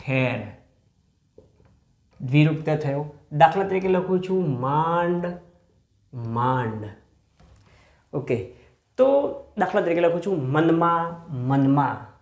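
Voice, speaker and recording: A man teaching a grammar lesson. He poses questions to the class, says example words slowly, and checks in with "hm?". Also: fairly high pitch, a little mellow. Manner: asks the class rhetorical questions. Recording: echoey room.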